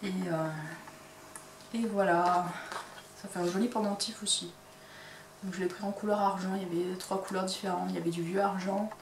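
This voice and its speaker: A woman's voice: on the low side, little pitch movement, moderate pace, long pauses, noisy background. A woman hosting a crochet and knitting podcast, chatting casually and hesitantly with many fillers as she shows her purchases from her home workshop. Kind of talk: casual chat showing items to camera. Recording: roomy, distant mic, faint ambience.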